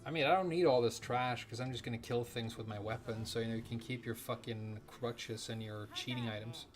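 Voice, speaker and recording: A man of medium pitch talks a little fast with fairly even intonation as he plays a video game on a live stream. His first language is Japanese, and his casual, rambling commentary mixes occasional swearing with viewer questions he reads aloud from chat.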